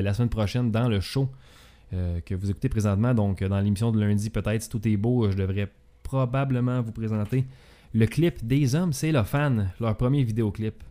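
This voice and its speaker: A man's voice: fairly low pitch, warm tone. A man with a Québécois accent hosting a casual talk show, hesitant and full of filler sounds. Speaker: podcast host. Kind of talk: casual chat.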